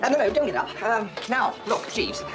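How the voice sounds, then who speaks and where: An actor playing a genial, flustered young upper-class gentleman who talks in a dithering, hesitant way. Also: high voice, expressive, moderate pace, loud music behind the voice.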